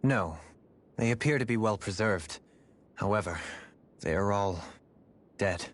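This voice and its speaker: A man voicing a composed, analytical swordsman with measured, formal speech in an anime-style fantasy game. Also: lowish voice, close to an everyday voice. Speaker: video game party character.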